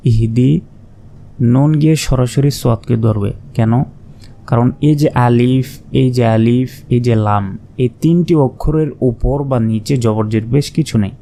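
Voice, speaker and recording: A man teaching recitation, spelling out each syllable slowly and then reciting with long drawn-out vowels. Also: medium pitch, mellow, slight background noise. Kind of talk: slow spelled-out pronunciation lesson.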